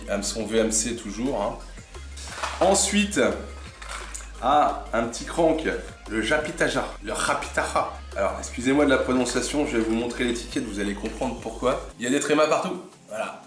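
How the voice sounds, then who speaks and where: A man hosting a casual unboxing vlog, chatting admiringly about what he shows and often dropping to a soft murmur. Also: mid-range voice. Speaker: fishing channel host. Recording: echoey room with faint music.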